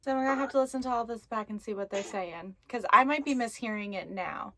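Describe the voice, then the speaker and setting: Quick-paced and fairly high-pitched, a bit bright, this woman hosts a haunted doll story video with no room sound. Her casual vlog mixes story reading with playful talk aimed at viewers and the objects around her.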